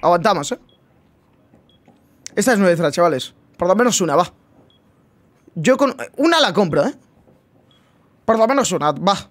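Lively young gamer, swearing. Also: male voice, high voice, moderate pace, long pauses. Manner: swearing, slangy, talks to viewers as chavales. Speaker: gaming streamer. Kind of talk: casual gameplay commentary.

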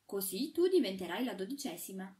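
A woman's voice: mid-range voice, sing-song, fairly quick, dark tone, echoey room, distant mic, natural voice. A woman voicing an old porcelain Chinese man, a pompous matchmaker who makes emphatic, self-important pronouncements.

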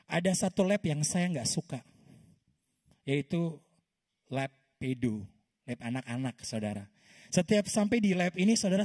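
A man with a slightly high, husky voice preaches to a congregation at a church service. He tells a personal testimony in a lively storytelling way and keeps turning to his listeners by name. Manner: lively storytelling that often calls the congregation "saudara". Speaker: pastor.

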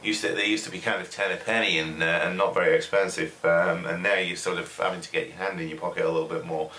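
This middle-aged man's voice sits low yet sounds pushed and bright, moving fast with fairly even intonation as he casually reviews a product at home. He rambles with many fillers from a small room with a desk and computer, recorded by a distant camera with roomy sound and faint hiss.

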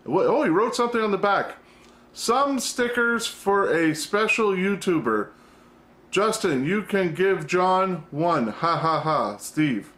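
A man's voice: sits high, animated, takes it slowly, a bit bright. A middle-aged man hosting his own channel, chatting loosely to camera at home, rambling and self-interrupting, with the odd curse word. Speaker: vlog host. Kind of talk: casual chat to camera. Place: at home, indoors.

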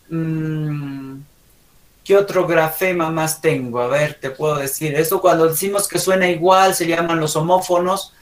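A man teaching an online language class, correcting pronunciation with a Bolivian Spanish accent and asking frequent check questions. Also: high-pitched.

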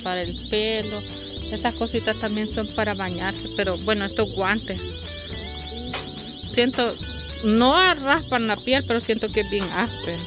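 A woman's voice: medium pitch, a little slow, loud music behind the voice. A middle-aged woman from El Salvador with a Salvadoran accent, chatting casually to viewers as she hosts a shopping vlog on a handheld phone. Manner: conversational, addresses viewers as little friends. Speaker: vlog host. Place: outside storefronts, then inside a large discount store. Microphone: handheld phone at arm's length.

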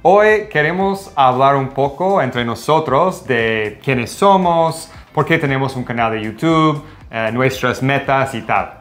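A man in his forties from the United States with an American English accent, speaking learned Spanish in a relaxed, halting way as co-host, on a lapel mic in a home kitchen. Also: medium pitch. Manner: relaxed, halting, with fillers and restarts. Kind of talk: casual chat in learned Spanish.

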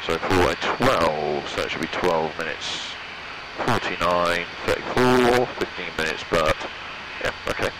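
A young British man, a student pilot, talks through short flight checks to himself at a measured pace in a deep voice. He's airborne in a small microlight with an open-sided cockpit, heard through an aviation headset over loud engine noise.

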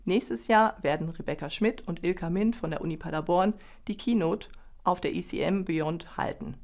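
A woman's voice: on the low side, normal speed, a little mellow. A young woman introducing a scripted university video, recorded in a studio. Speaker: university staff, presenter.

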